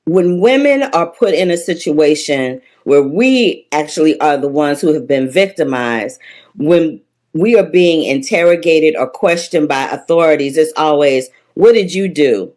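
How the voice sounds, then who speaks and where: A woman hosting a podcast, asking earnest, thoughtful interview questions at a measured pace. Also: low voice, lively intonation, darkish tone.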